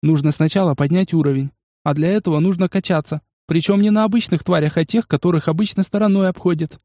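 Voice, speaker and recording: A man's voice: fairly high pitch, quick pace, warm tone, dry recording, clean studio sound, voice pushed up, natural voice. A man voicing a confident, eager young woman in an audiobook, speaking with authority. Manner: authoritative, upbeat.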